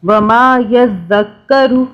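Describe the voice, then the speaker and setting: Slow, patient woman teaching Quran recitation. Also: mid-range voice, dull audio. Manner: patient, spells out syllables for the student to repeat; slow measured recitation, then reads a translation. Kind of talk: online Quran recitation lesson.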